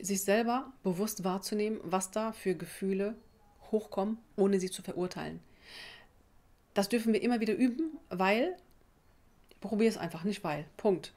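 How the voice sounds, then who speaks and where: A woman's voice: medium pitch, moderate pace, long pauses, darkish tone. Conversational woman, native Arabic speaker. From Tunisia. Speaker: self-help video presenter. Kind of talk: informal explanatory talk to camera. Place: small office indoors.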